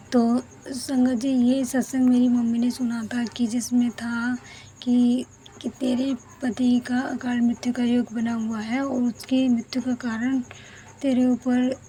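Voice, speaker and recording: A woman's voice: a little high, mellow, a little hiss or hum, poor audio. A young woman, a devotee, earnestly telling the congregation a personal story of family trouble. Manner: earnest, emotional storytelling, often addressing the congregation. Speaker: devotee sharing a testimony. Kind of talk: personal testimony.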